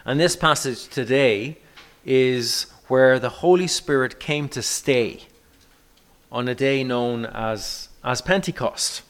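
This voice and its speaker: A man as pastor, reading scripture and preaching with measured emphasis at a church service. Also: mid-range voice, a bit bright, clear, resonant tone.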